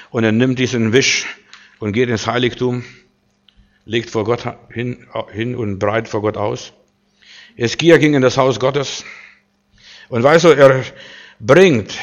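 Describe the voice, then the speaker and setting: In a mid-range voice, a man preaches with emphasis, asking rhetorical question after rhetorical question and shifting from loud statements to soft asides.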